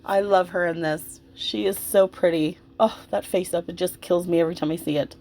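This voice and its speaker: Fairly quick and steady in tone, a woman with a lowish, darkish voice chats away about dressing a doll. As a hobby vlogger, she keeps the commentary casual, rambling and effusive.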